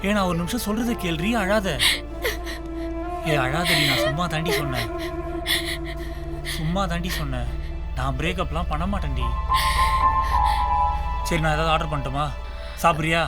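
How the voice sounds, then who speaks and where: A man's voice: a little high, normal speed, long pauses, lightly acted. An actor playing a possessive, jealous young college man in a short film drama, pleading and calling after his girlfriend. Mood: coaxing. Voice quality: pleading, then shouting after her. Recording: film soundtrack with loud music.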